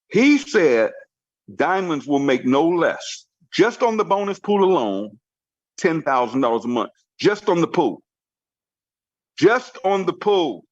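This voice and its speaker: A man with a drawl drives a motivational training call, repeating his points with emphatic, preacher-like insistence. His voice sits fairly high and swings widely. It comes through a muffled, dry call line with no room sound. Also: dry recording. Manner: emphatic, repetitive, preacher-like urging. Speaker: network marketing team trainer. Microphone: conference call line.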